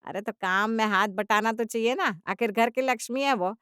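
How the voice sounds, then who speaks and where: A woman voicing a greedy, scheming older mother-in-law who coaxes sweetly and then bursts out loud, recorded dry. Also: fairly high pitch, moderate pace, smooth, dry recording, lightly acted. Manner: sugary coaxing, with sudden loud outbursts.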